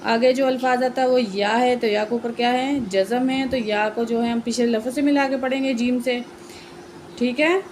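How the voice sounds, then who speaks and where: A woman teaching a Quran reading lesson, patiently spelling out each letter and stretching the joined words very slowly. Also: a little high, steady tone, a little hiss or hum, poor audio.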